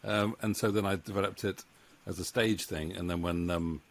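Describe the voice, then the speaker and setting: This interview host and co-writer, a middle-aged man, has a low voice with a steady tone and a moderate pace. He rambles and hesitates through a casual video-call conversation from a home room lined with books. His boom-arm studio microphone sits close to him.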